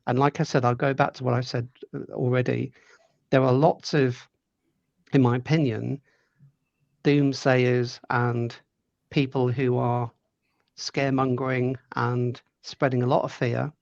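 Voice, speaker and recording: Measured middle-aged man, gravelly and dry. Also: medium pitch, flat delivery, darkish tone, no room sound, lo-fi sound. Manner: measured, thoughtful, repeats words as he thinks. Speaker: podcast guest. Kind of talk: conversational interview answers.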